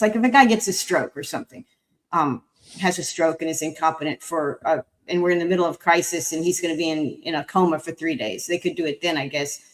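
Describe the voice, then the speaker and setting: A woman guest on a panel show, explaining at length in a halting way while she has the hiccups. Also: lowish voice, poor audio. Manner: halting, lots of fillers and restarts. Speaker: guest commentator. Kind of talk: panel discussion.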